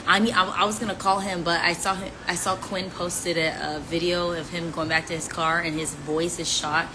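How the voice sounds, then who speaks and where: This twenties-aged woman speaks at a fairly low pitch and normal pace, her intonation fairly even. Answering fans on a live stream, she chats casually, teases, and drops playful rhymes, all captured through a phone with background noise.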